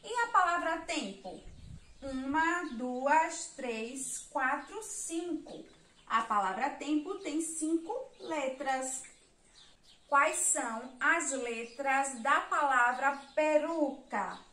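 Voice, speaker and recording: Brazilian woman teacher, high voice, slow and patient with young kids, roomy echo. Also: bright, forceful tone. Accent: Brazilian Portuguese. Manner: slow, patient, counts aloud and spells letters for children. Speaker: primary school teacher. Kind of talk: remote lesson for young children.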